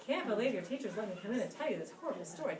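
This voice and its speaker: A woman plays the tooth fairy for a school class, telling a dramatic, animated story amid the children's squeals and cheers. Her medium-pitched voice is very animated, rapid-fire, and a little mellow. The recording sounds roomy and distant, with room noise.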